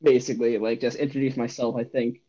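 A man's voice: medium pitch, flat delivery, fast talker, warm tone. A young man co-hosting a casual home podcast, rambling and swearing freely. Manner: rambling, swears often, playful. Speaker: podcast co-host. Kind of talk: casual chat. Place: bedroom at home. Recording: dull lo-fi home recording.

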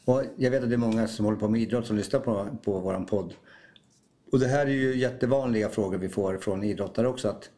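A man's voice: lowish voice, mellow. A man hosting a podcast, asking his guest questions in a conversational way. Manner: inquisitive, poses questions to the guest. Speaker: podcast host.

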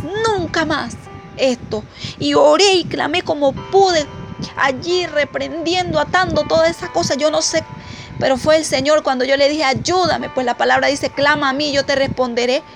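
Female preacher, fervent testimony sermon, high voice, music bed underneath. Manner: fervent, addresses listeners as "amadas". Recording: music playing clearly behind.

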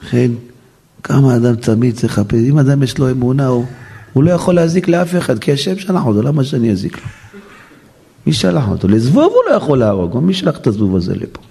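A man's voice: mid-range voice, big pitch swings, creaky, warm tone, husky. A man, a rabbi, giving a dramatic sermon and acting out the figures he quotes.

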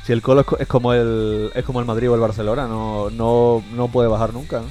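A man from Spain with an Extremaduran accent co-hosts a casual podcast chat, rambling with many restarts and fillers. His mid-range voice is level and warm, a little fast, with soft music in the background.

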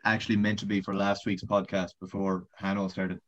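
Deep-voiced man telling a rambling story. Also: little pitch movement, fairly quick. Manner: rambling storyteller, swears, laughs often. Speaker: podcast guest. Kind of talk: casual chat. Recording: dull lo-fi podcast audio.

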